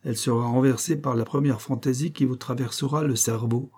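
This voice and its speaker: A man voicing a stern, sharp-tongued middle-aged mother with a dry, scolding manner. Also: mid-range voice, fairly even intonation, a little fast, slightly rough, voice pushed up, natural voice. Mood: wry.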